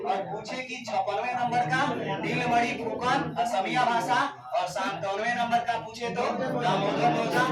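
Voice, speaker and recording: A male coaching teacher lecturing a classroom, repeating each question and answer and drilling the students. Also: sits high. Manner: keeps telling the class to stay quiet. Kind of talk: classroom lecture with call-and-response quizzing. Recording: echoey classroom, mic far off, chatter.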